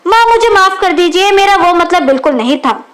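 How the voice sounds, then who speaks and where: A woman's voice: very high-pitched, lively intonation, brisk, a bit bright. A woman reading the lines of a clever young sister-in-law who complains sharply, in a storybook reading.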